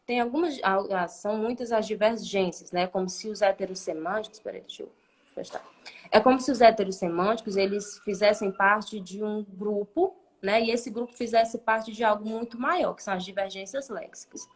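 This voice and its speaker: A woman's voice: mid-range voice, a little fast, few pauses. A woman Spanish teacher explaining in a live online class, patient and talkative, who often ends sentences with a questioning "né?" and thinks aloud with restarts.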